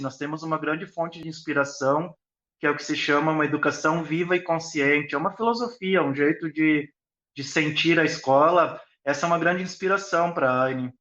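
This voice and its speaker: A man's voice: on the high side, sharp tone, highs cut off. A man who founded a school, talking on a live online panel and explaining his ideas reflectively with examples.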